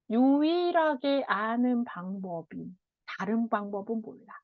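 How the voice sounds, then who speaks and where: A woman child counselor giving a parenting lecture, animated, often laughing and acting out what children and parents say. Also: sits high, dry recording. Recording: dull, dry sound.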